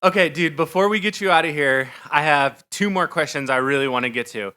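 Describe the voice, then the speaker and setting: A man's voice: a little high, brisk, pushed and bright, clear, resonant tone. A man hosting a podcast who asks questions in a casual, easily amused way. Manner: laughs easily, friendly questioner. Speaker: podcast host. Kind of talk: casual interview chat.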